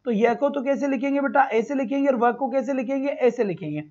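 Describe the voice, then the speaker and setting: A male teacher runs a live online exam-prep class, calling students "beta" and repeating sounds slowly. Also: very high voice, darkish tone. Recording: dull lo-fi stream.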